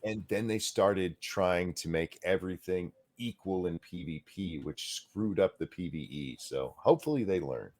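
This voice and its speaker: A man co-hosting a live stream, in relaxed, matter-of-fact casual chat. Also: sits low, normal speed, few pauses.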